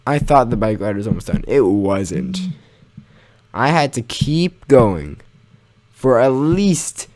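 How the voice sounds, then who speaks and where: Telling a personal story in the style of his gaming channel, this young man speaks slowly in a medium-pitched, darkish, sing-song voice. He's casual and self-mocking, letting a few mild swears slip.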